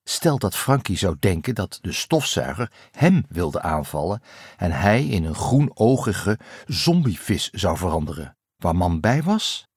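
Storybook kid, glum boy camper, wry and sighing, voiced by a man, low and unhurried. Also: big pitch swings, husky, dry recording, clean studio sound, exaggerated voice.

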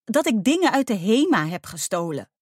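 Lady reading as a wobbly-voiced upset schoolgirl, high and on the edge of tears, dry close sound. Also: very animated, moderate pace, no room sound. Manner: shaky, tearful, high-pitched.

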